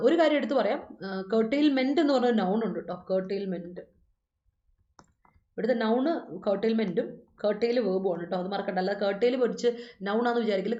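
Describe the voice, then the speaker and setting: A woman's voice: fairly high pitch, warm tone. Teacher woman, roomy. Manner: mixes Malayalam and English, reads students' comments aloud and corrects them; repeats reminders to remember. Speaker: English vocabulary teacher. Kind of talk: live online class explaining English words. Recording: roomy, dull-sounding room recording.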